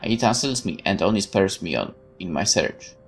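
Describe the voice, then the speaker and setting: A low male voice with a breathy edge and lively intonation reads game text aloud at normal speed. He's hosting a let's play over music, delivering it expressively while stumbling and making asides.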